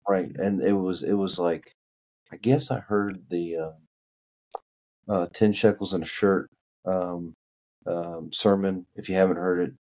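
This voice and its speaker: A man's voice: low-pitched, fairly even intonation, takes it slowly, long pauses, darkish tone. A man with a Kentucky accent talking casually as a podcast guest, often repeating and restarting words as he searches for them. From Kentucky, United States.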